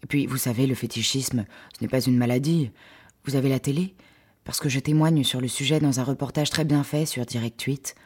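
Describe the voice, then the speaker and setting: A woman's voice: rumbling low, steady tone, fairly quick, a little mellow, husky. A woman voicing a pushy, creepy, skinny young man in her story, speaking insistently and smarmily. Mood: smarmy.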